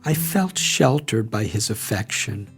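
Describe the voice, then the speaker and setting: A man reading a memoir aloud as an audiobook narrator, measured and reflective. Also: lowish voice, lively intonation. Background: soft guitar music.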